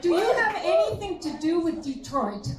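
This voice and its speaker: A woman's voice: very high-pitched, very animated, moderate pace. A woman hosting a live comedy show, directing and questioning people, heard from off in an echoey venue. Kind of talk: crowd work, audience hosting. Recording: echoey venue, distant, audience noise.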